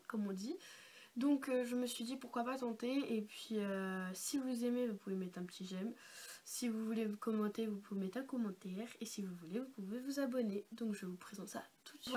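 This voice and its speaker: Young female vlogger, slightly high voice, congested, informal and chatty, light background noise on an amateur recording. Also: a little mellow. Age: young adult. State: congested from being sick. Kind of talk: casual, chatty vlog explanation. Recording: noisy amateur home-video sound.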